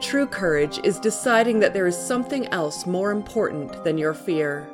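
A woman's voice: on the low side, lively intonation, moderate pace, over music. A woman hosting a podcast, asking her guests questions in a cheerful way and laughing easily. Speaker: podcast host. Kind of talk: scripted podcast interviewing.

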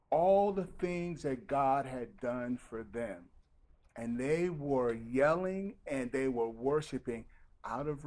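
A man preaching a sermon as pastor, reading scripture and then talking to the congregation in a lively, conversational way. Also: mid-range voice.

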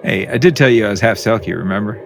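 Jokey man co-hosting, soft music behind. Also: fairly low pitch, quick pace, creaky. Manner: jokey, laughs often. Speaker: podcast co-host. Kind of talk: casual banter.

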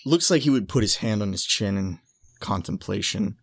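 A man's voice: lowish voice, lively intonation, normal speed, breathy edge, no room sound, clean studio sound. A man playing a tabletop role-playing game, describing his character's actions as improvised storytelling.

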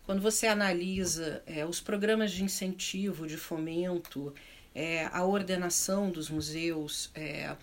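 Speaking off the cuff on a panel about arts and culture, a middle-aged woman with a southern Brazilian accent thinks aloud, frequently searching for words and rewording herself. Her fairly low voice keeps a fairly even intonation at a measured pace.

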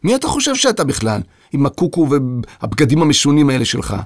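A man voicing a startled young boy who is quick to take offense, in a children's audio story. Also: a little high, wildly swooping pitch, no echo, clean studio sound, voice pushed up, full character voice. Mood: bewildered.

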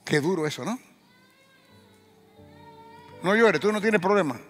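High, bright-voiced preaching pastor, man. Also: lively intonation, measured pace, in a large hall, faint music behind. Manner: preaching with sudden loud rising bursts and direct questions to the congregation. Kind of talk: sermon.

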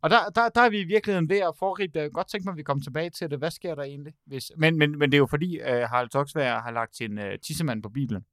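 A man's voice: on the high side, hardly any pauses, a bit bright, no room sound, clean studio sound. A man hosting a casual comedy podcast, talking with lots of fillers and laughing often. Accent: Danish. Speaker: podcast host.

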